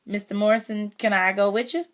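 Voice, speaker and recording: A woman's voice: medium pitch, steady tone, fairly quick, voice pushed up, natural voice. A woman reading aloud voices Cassie, a spirited, eager young farm girl who asks polite questions.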